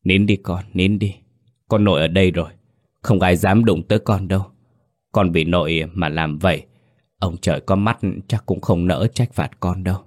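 A man's voice: deep voice, fairly even intonation, moderate pace, no echo. A man voicing a frail, grieving old grandfather who pleads and soothes. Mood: tender. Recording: dry voice with faint music.

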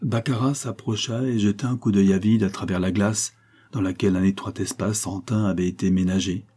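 A man narrating an audiobook novel in a steady, even storytelling manner. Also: lowish voice, fairly quick, slightly rough. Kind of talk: scripted narration.

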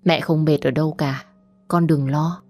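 A woman voicing a gentle, guarded young mother in an audio story. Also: low voice, steady tone, moderate pace, dry recording. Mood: tender.

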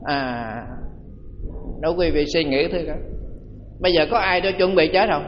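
A man's voice: a little high, normal speed, slight background noise. A man, a Buddhist monk, giving a dharma talk as a sermon, telling stories and asking the audience rhetorical questions. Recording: dull lo-fi audio with long hall reverb.

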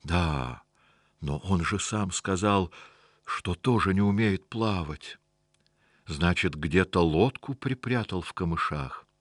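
A man voicing a small, timid male house spirit in a storybook, talking in a hurried, anxious way. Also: low voice, expressive, dry recording, clean studio sound, exaggerated voice.

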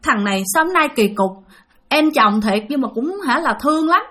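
A woman voicing a sharp-tongued, scolding middle-aged woman, high and loud. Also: expressive, normal speed. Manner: shrill, scolding.

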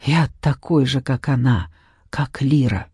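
A reader voicing a menacing male shadow mage with a cold, hissing, low and rough voice. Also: measured pace, a little mellow, no room sound, clean studio sound. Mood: sneering. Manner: cold, sneering. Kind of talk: audiobook reading.

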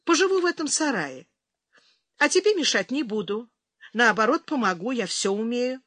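A woman's voice: sing-song, moderate pace, dry recording. A woman reader voicing a young female captive who pleads and bristles with defiance. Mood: hopeful. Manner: pleading, turning to shrill shouting.

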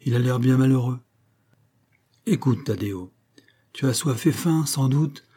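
A man's voice: mid-range voice, unhurried, dark tone, husky. A man voicing a proud old Florentine count, a stern noble father who speaks in a lofty, declamatory way. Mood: gracious.

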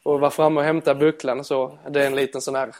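A man's voice: medium pitch, flat delivery, darkish tone. A man co-hosting a podcast in casual chat; his voice is weak and shaky today, and he tells stories with a laugh. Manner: storytelling, laughs often. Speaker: podcast co-host.

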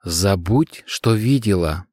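Brief: male reader doing a cold, calm master, curt commands, dry close reading. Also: sits low, takes it slowly, no echo, heavily acted. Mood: commanding.

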